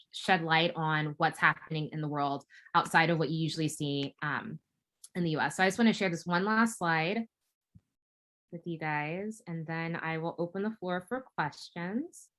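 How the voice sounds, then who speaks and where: Casual woman, lowish voice. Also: moderate pace, fairly bright tone. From United States. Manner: casual, many fillers and restarts. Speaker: guest speaker. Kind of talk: webinar presentation.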